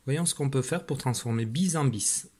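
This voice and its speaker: A man teaching a spelling lesson, slowly sounding out syllables with patient guidance to a child at home. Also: mid-range voice, darkish tone. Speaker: primary school teacher.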